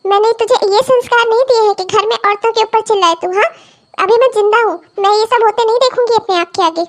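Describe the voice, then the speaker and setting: A woman's voice: very high-pitched, quick pace. A woman voicing a kindly elderly mother-in-law in a cartoon comedy, affectionate but firm and given to moralizing. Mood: scolding, stern. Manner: affectionate, scolding, sermonizing.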